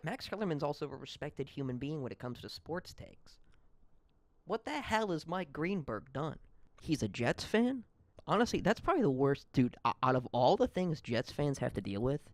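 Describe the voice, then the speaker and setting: A man's voice: medium pitch, sing-song, moderate pace, no room sound. A young man hosting a solo podcast, ranting in a rambling, profane, heated way. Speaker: podcast host. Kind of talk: solo comedic podcast rant.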